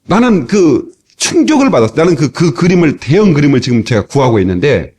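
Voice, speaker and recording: A middle-aged male pastor preaching a sermon from an old cassette tape, animated and playful, acting out lively quoted dialogue. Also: on the high side, fairly quick, husky.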